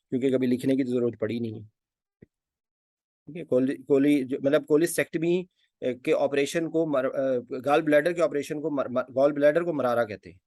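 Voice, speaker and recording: A man's voice: medium pitch, warm tone, no echo, clean studio sound. A man giving an informal spoken lesson. He hesitates often, uses many fillers, and repeats key words. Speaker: anesthesia teacher.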